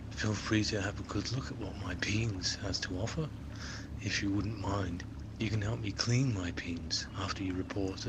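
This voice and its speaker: A smug yacht captain, played by a man, leaning on sly innuendo. His lowish voice sits over clear background noise. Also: close to an everyday voice. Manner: smug, suggestive.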